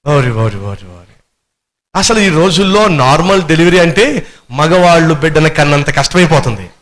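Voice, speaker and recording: A man with a Telugu accent preaching a sermon as a pastor, animated, with rhetorical questions and acted-out quotes. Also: on the high side, moderate pace.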